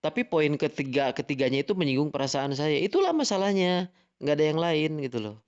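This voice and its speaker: A fairly high, sing-song male voice with an Indonesian accent argues heatedly in a live-stream voice chat, lecturing angrily and repeating "gitu loh." He talks fairly quickly in a smooth tone, with the highs cut off.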